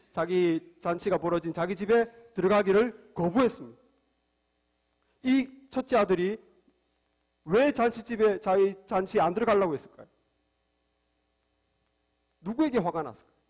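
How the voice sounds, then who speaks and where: A man preaching a sermon, often pausing on filler sounds and acting out quoted dialogue with rising emotion. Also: a little mellow. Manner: acts out quoted dialogue, rises in pitch for angry lines, frequent "에" fillers. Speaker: pastor.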